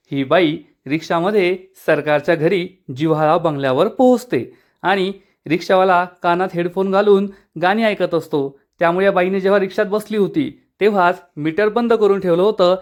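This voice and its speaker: High-voiced man recapping a serial. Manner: lively storytelling addressed to viewers. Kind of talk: episode recap narration.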